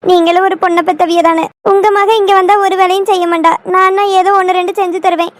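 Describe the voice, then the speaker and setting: A woman's voice: very high voice, little pitch movement, quick pace, dry recording. A woman voicing a homesick young daughter-in-law in a cartoon, with a sulky, complaining manner. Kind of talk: cartoon voice acting.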